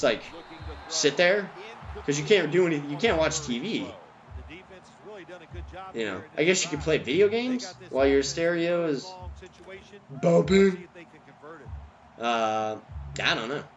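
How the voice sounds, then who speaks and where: At home, with a neighbor's music audible nearby, a man gives casual, rambling gameplay commentary full of ums and side tangents. His medium-pitched voice sounds muffled in the recording.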